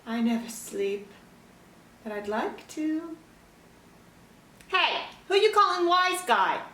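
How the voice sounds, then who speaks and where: A woman's voice: on the high side, bright, forceful tone, recorded from a distance, slight background noise, heavily acted. A woman voicing a sleepless owl puppet who is worried and then huffily boastful about being wise. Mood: weary worried. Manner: huffy, defensive questioning. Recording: roomy echo, faint ambience.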